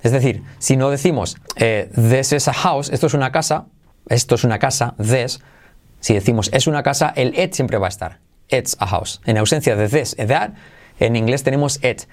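Spanish-speaking man teaching English pronunciation. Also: mid-range voice. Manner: slows down to model English phrases, repeats drills. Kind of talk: pronunciation lesson.

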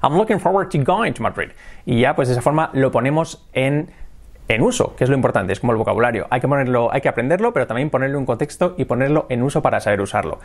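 Man, casual video teacher, middle pitch, repeats English lines slowly. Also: lively intonation. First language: Spanish. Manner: explains, then repeats English phrases slowly.

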